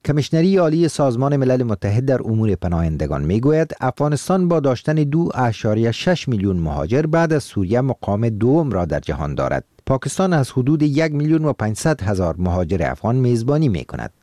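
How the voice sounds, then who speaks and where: A man reads a formal news report for radio. His pitch moves up and down a lot, his tone is mellow, and the sound is dry and close. He keeps a steady report-reading rhythm throughout. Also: hardly any pauses, dry recording. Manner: formal, lively intonation.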